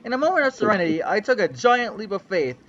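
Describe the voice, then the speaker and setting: Sitting high and very animated, a young man's fast, slightly bright voice delivers a mock-dramatic fanfic reading on a livestream with theatrical, sweeping storyteller flair. The sound is lo-fi.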